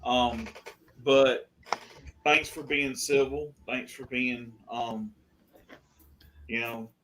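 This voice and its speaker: A laid-back man talking on his live stream. His speech is halting and full of ums, and he swears freely. His voice sits at an ordinary middle pitch. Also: steady tone, sharp tone, a little hiss or hum. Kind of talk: casual chat on a live stream.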